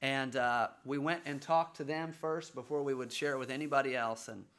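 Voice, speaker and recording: A man telling, in a casual conversational way, how his family chose to follow a calling, speaking earnestly with halting restarts. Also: mid-range voice, steady tone, a bit bright, smooth. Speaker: father sharing a family's mission call.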